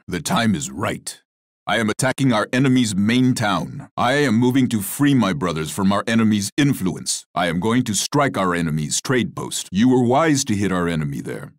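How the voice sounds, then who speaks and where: Chief Gall, deep solemn war chief. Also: male voice, sing-song, no echo, studio quality. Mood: stern, commanding. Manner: measured, formal, grave delivery. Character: proud, solemn Native war chief, stern adult male ally. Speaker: video game character. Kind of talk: scripted strategy game voice lines.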